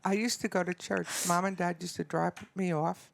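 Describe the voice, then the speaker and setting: A woman's voice: on the low side, steady tone, moderate pace, vocal fry. A woman guest on a podcast, telling wry stories in a casual chat.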